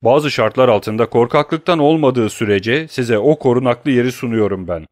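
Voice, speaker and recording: A cold, grimly menacing young nobleman, voiced by a male audiobook reader, clipped and hard in every line. His voice sits a little higher and pushes a little louder than the narration around it. The recording is dry and close, with no room sound. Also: moderate pace, no room sound, lightly acted. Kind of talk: audiobook character reading.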